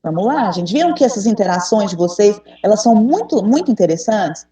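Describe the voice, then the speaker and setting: Brazilian woman running an online workshop for teachers, patient and encouraging, warm low tone, video-call audio with roomy echo. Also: big pitch swings, brisk. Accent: Brazilian Portuguese. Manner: patient, encouraging, asks the group questions. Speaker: teacher trainer. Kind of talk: online teacher training session. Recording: echoey room, distant mic.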